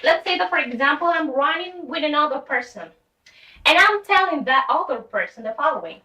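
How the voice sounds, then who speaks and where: A woman teacher with a high, bright voice explains grammar patiently and reads each example sentence aloud. She sits a good way from the mic in an echoey room. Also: expressive, a little fast, recorded from a distance.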